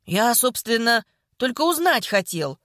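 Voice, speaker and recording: A woman's voice: a little high, big pitch swings, measured pace, a bit bright, no echo, clean studio sound. A woman voicing an awkward man who speaks hesitantly and stiffly formal.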